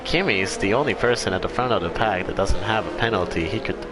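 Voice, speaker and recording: Low-voiced man co-commentating a race. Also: quick pace, music in the background. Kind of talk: live sim-racing commentary, analysis. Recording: noisy engine ambience behind voice.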